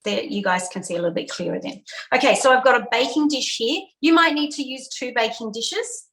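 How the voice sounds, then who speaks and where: A chatty woman guides a cooking lesson over a video call, repeating the key steps with easy fillers. Her voice sits a little high. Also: brisk, fairly bright tone, rough recording. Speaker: cooking class host.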